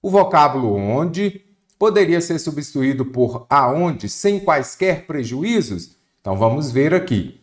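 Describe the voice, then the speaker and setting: A man's voice: a little high, sing-song, a little slow. A man from Minas Gerais with a Brazilian Portuguese accent, teaching an online exam-prep grammar lesson and asking and answering his own questions.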